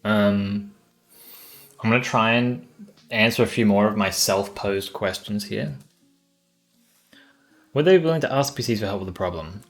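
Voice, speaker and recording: A man's voice: on the low side, unhurried, long pauses, soft background music. A man streaming live, casually brainstorming ideas for a tabletop game and thinking aloud with many hesitations.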